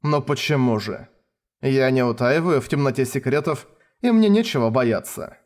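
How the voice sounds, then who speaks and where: A man voicing a cold, composed male colonel who speaks calmly and deliberately. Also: mid-range voice, close to an everyday voice. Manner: calm, icy, measured.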